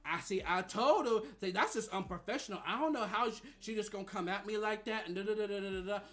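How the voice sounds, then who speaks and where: A man's voice: sits high, fast talker, a bit bright. A man voicing an indignant woman tax client who rambles off her complaints.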